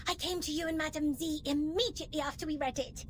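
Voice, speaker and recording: A woman's voice: high voice, fairly even intonation, fast, background noise, natural voice. A woman voicing a prim, indignant young girl official in a game, fussy and self-important, with game music underneath. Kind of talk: game voice acting.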